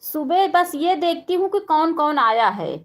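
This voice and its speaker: A high-voiced young woman chatting on a live stream while doing her household chores. She greets each viewer by name in a friendly, running patter and talks casually throughout. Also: animated, unhurried.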